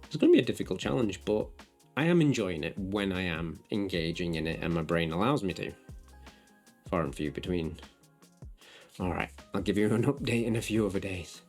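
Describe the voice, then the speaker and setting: A man talking through a hobby challenge in a casual vlog. He sounds relaxed, chatty and self-reflective. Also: sits low, fairly quick, soft background music. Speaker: hobby vlogger. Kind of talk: casual vlog narration and updates.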